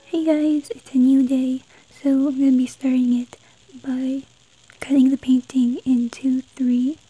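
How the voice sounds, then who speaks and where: High, whispery woman giving a craft tutorial. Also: level tone, measured pace, warm tone, dry recording, soft background music, low-quality recording. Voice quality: breathy, whispery. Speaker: host of an art tutorial.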